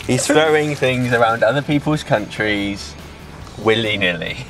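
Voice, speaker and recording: A young man in a car, bantering with a friend in a drawn-out, mocking way. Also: medium pitch, recorded from a distance. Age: young adult. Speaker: road trip vlogger. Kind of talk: casual chat. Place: inside a hot car. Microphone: handheld camera mic. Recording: noisy camera audio, off-mic.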